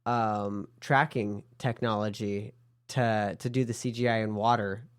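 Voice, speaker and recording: A man's voice: fairly low pitch, fairly even intonation, a little slow. A man co-hosting a casual film podcast, chatting loosely and often restarting his sentences, with some mild swearing. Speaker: podcast co-host.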